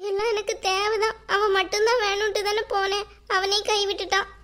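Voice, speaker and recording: A woman's voice: very high-pitched, level tone, fairly quick, a bit bright. A woman voicing a heartbroken young wife in a cartoon who laments through sobs. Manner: sobbing, self-pitying lament.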